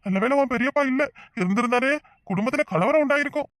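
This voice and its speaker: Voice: high-pitched, lively intonation, fast talker, fairly bright tone, no echo. A voice actor playing a hot-tempered, easily flustered young village husband in a cartoon comedy, with a Tirunelveli Tamil accent and scolding, exasperated rants.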